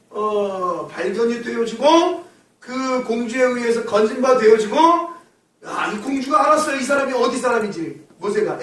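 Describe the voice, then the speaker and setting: High-voiced male pastor in echoey church. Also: fairly bright tone. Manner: asks the congregation questions and answers them himself. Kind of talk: sermon. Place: church sanctuary. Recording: echoey hall, mic far off.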